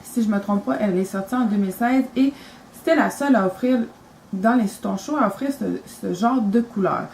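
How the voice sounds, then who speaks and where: A woman's voice: mid-range voice, brisk, darkish tone, a little hiss or hum, rough recording. A young woman with a Quebec French accent, talking casually and enthusiastically about her makeup, rambling with lots of fillers. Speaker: beauty vlogger.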